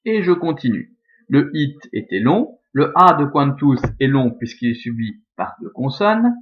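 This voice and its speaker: A man's voice: medium pitch, big pitch swings, a little slow, muffled recording. A man teaching a lesson, methodically walking through the scansion of a verse step by step. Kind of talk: scanning Latin verse in a recorded lesson.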